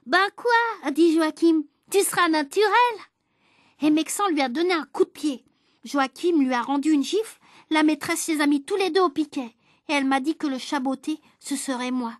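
A woman reading a children's storybook aloud in a lively, even-paced storytelling voice. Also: sits high, a little fast, no echo, clean studio sound.

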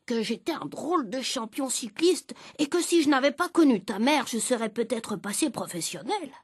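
A woman reading aloud gives voice to a cocky middle-aged father, always bragging and quick to bicker. His voice sits lower and quieter than her storytelling, with a teasing edge. The sound is close and dry, with no room around it. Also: expressive, slightly rough, no echo. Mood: boastful, bickering.

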